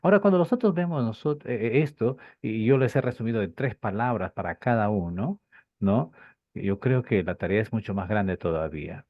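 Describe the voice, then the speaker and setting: Animated male Bible teacher, lo-fi. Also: fairly low pitch, normal speed, no echo. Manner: animated, rhetorical questions and repetition. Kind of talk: class lecture. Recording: dull lo-fi dry recording.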